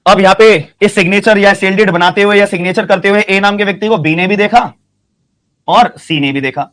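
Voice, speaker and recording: A man teaching a law class, speaking slowly and repeating questions and answers so students can write them down, with phrases. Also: high voice, a bit bright. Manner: slow dictation, repeats questions and answers, frequent "ठीक है" checks. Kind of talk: classroom lecture.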